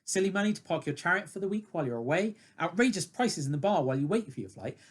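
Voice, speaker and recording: A woman's voice: on the low side, fast, slightly rough. A woman with a British accent playing an eager, apologetic, ambitious young man in a comic radio play. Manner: excitable, earnest, apologetic. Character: eager, pleading young Icarus, ambitious son, legend-to-be.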